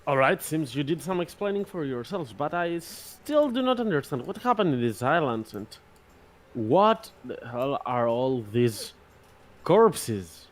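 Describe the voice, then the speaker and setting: A man's voice: fairly high pitch, sing-song, unhurried. A man voicing a blunt, exasperated ship captain in a tabletop game. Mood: gruff.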